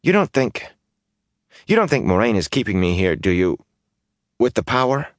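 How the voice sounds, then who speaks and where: A man's voice: fairly low pitch, big pitch swings, moderate pace, no echo, clean studio sound, voice pushed up. A man voicing a restless, bitter young gambler who complains and grows agitated. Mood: frustrated.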